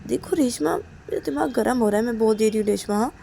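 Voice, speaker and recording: Speaking quickly in a higher, dark-toned voice with vocal fry, a woman plays a caring young woman who keeps pleading with and coaxing her partner, saying "please" again and again. There's slight background noise.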